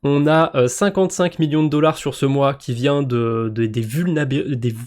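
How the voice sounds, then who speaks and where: A man's voice: mid-range voice, normal speed, a little mellow. A man with a French accent hosting a crypto news roundup, talking casually and hesitantly with lots of fillers and restarts.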